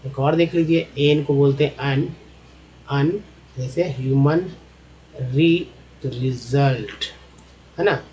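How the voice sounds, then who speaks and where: A man's voice: medium pitch, dark tone, muffled recording, slight background noise. Man teaching English spellings. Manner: repeats each sound several times, addresses viewers as friends. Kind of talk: slide-based spelling and pronunciation lesson.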